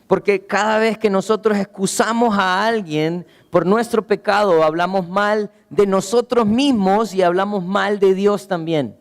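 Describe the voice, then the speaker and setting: A man preaching a sermon as pastor, earnestly asking rhetorical questions and slowing down, going low for emphasis. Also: long reverb tail. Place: church.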